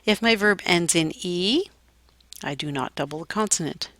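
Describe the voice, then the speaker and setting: Woman, English teacher, low-pitched voice, dry close sound, clear deliberate explaining, grammar lesson. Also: animated, a bit bright, dry recording.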